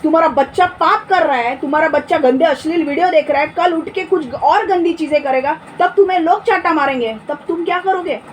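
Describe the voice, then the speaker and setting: A woman with a high voice preaches a forceful sermon, firing off rhetorical questions and scolding her listeners. Faint background noise sits under her speech. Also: brisk, hardly any pauses, poor audio.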